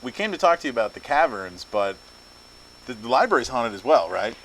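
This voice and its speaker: A man's voice: mid-range voice, very animated, a little fast, fairly bright tone, slight background noise, poor audio. A man hosting a haunted cave tour in a casual, joking, playful way. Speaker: host of a haunted cave investigation. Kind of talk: casual on-location ghost tour presenting.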